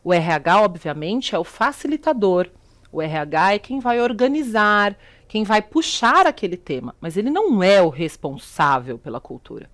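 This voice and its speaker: Very animated yet moderately paced, this mid-range female voice belongs to a middle-aged sustainability executive with a Brazilian Portuguese accent. Guesting on a videocast interview, she explains her views and weaves in rhetorical questions.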